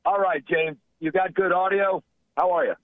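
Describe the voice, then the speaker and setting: Loud guy calling in on speakerphone, tinny phone line, dry. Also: sits high, steady tone, normal speed, dry recording. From North Carolina, US. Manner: loud, exuberant, shouting greetings. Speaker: caller.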